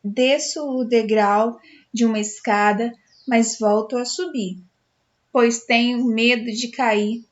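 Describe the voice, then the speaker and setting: Slow, expressive Brazilian woman teacher. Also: fairly high pitch. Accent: Brazilian Portuguese. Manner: expressive, dramatic read-aloud. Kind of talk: storybook reading for schoolchildren. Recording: dull lo-fi sound.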